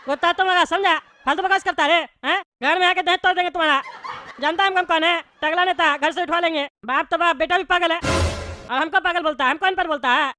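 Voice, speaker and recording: A hot-tempered bald politician, as a woman voices him in a cartoon, boasting and threatening in a high, fast, sharp-edged voice. The sound is dry and close. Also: faint music behind. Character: rude bald politician seat neighbor, hot-tempered bully. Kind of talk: cartoon voice acting.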